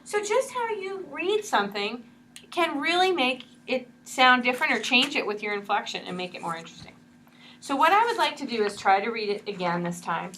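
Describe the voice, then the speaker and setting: A woman's voice: fairly high pitch, big pitch swings, brisk, fairly bright tone, slight background noise. A woman teaching a one-on-one reading lesson, explaining patiently and encouraging her student step by step.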